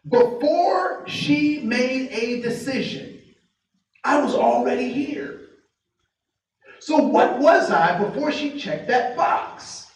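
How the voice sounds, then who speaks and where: A US diversity trainer with a very high-pitched, lively voice addresses a live workshop group in a training room with tables. He asks the audience many rhetorical questions and slows down on key phrases. Heard through a distant mic, the room is very echoey with faint noise.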